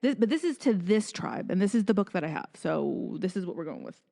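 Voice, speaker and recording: A woman's voice: medium pitch, big pitch swings, fairly quick, vocal fry, mellow, long reverb tail. A woman hosting a casual solo podcast, chatting and thinking aloud as she reads passages from a book. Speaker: podcast host.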